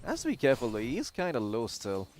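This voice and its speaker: A man's voice: mid-range voice, wildly swooping pitch, fast talker, darkish tone. A man casting a live esports match, mixing play-by-play with chatty analysis and jokes. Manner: joking, chatty analysis with fillers. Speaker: esports caster.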